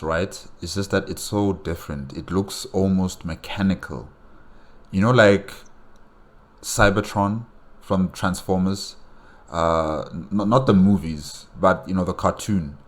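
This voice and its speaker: Guy with a low voice chatting over a game, reaction style, thinking out loud. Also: unhurried. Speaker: reaction video host. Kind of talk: casual game reaction commentary.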